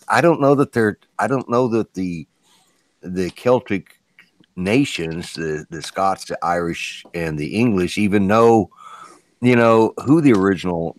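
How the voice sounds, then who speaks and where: Deep-voiced joking man in his sixties. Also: no room sound. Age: 60s. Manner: joking, halting, many fillers. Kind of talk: casual chat on a live stream.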